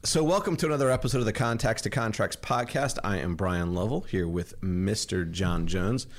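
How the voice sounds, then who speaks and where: A man's voice: lowish voice, moderate pace, soft background music. A man hosting a podcast from his kitchen, chatting and telling stories in a rambling way. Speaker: podcast host. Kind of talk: casual chat. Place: home kitchen.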